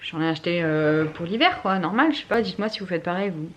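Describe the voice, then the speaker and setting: A woman's voice: lowish voice, animated, quick pace, highs cut off, background noise. A young adult woman chatting casually in a family vlog at home, with lots of fillers and an exasperated tone. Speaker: family vlogger. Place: home, kitchen.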